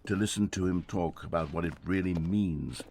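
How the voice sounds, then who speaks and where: A man's voice: low-pitched, moderate pace, creaky, a little mellow, slightly rough, full character voice. An actor playing a wry, omniscient video game narrator, a man with a grandiose, articulate, dramatic delivery. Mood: solemn, melancholic. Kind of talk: scripted storybook-like game narration.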